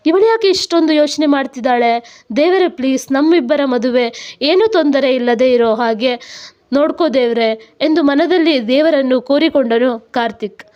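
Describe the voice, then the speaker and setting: A woman's voice: high voice, a little mellow. A woman narrating a romantic story and reading every character's lines herself, with only small changes of voice between them. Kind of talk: storybook narration with acted dialogue. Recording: dull lo-fi sound.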